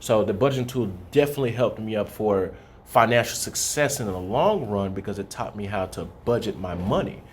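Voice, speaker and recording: A man's voice: fairly low pitch, animated, a little fast, slight background noise. A young man from Haiti, a guest on a radio interview, talking earnestly and casually, always asking "you know what I'm saying". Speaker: guest, credit repair consultant.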